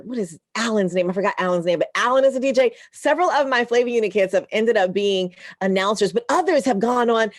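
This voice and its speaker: Woman radio broadcaster chatting as a guest, kinda high voice, earnest and lively, dry close sound. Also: dry recording. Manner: earnest, animated, quick to laugh. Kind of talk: heartfelt conversational storytelling.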